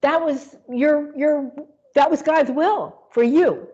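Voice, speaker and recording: A woman's voice: high-pitched, takes it slowly, dark tone, lo-fi sound. A woman co-hosting a spiritual talk show, reflecting aloud in a rambling way with many fillers and restarts. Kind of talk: casual spiritual conversation.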